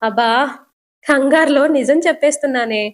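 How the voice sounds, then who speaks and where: A woman's voice: high voice, normal speed, natural voice. A woman voicing a fussy, doting middle-aged mother-in-law who coaxes and scolds her family to eat her cooking. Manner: coaxing, scolding.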